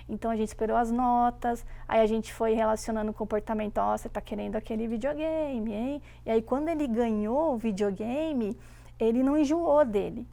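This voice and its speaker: Woman with a creaky, higher voice. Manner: animated storytelling with voiced quotes. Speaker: guest mother. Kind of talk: casual chat.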